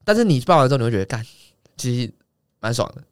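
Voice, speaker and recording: Young guy w rattling off a story super fast, swears a lot, pitch jumps all over, dry close sound. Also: smooth, dry recording. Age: young adult. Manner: rapid, swearing, animated anecdote telling. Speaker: guest. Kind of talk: casual storytelling chat.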